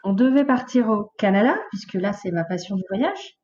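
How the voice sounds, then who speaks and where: A woman in her late thirties, a podcast guest, telling her life story in a lively, casual way with many fillers. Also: mid-range voice, moderate pace, dull audio, slight background noise. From France, of Portuguese origin. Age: late 30s. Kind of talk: casual conversational interview.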